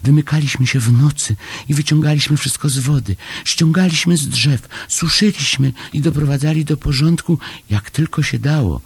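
A man's voice: medium pitch, lively intonation, measured pace, creaky, darkish tone, slightly rough, voice pushed up, exaggerated voice. A man voicing a small, eager young male hamster in an audiobook story, with earnest, pleading chatter. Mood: excited. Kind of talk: audiobook character voice.

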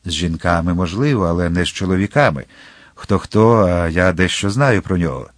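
A hot-headed young swordsman declares himself in eager, impassioned bursts, as a male narrator acts him out. The voice sits fairly low and the sound is dry and close. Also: animated, moderate pace, no room sound. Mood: ardent. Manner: impassioned, exclaiming.

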